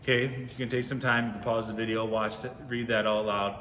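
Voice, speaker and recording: A man's voice: on the low side, little pitch movement, fairly quick, fairly bright tone, echoey room, long reverb tail, slight background noise. A man leading a casual, upbeat Bible lesson for children on video, chatty and often correcting himself. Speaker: youth ministry teacher.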